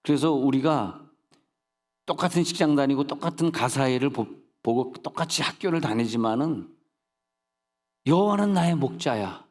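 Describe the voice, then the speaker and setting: Long hall reverb surrounds this male senior pastor's mid-range voice as he preaches at normal speed in a church sanctuary. He tells funny, folksy stories, slips in humorous asides, and checks in with his congregation through rhetorical questions.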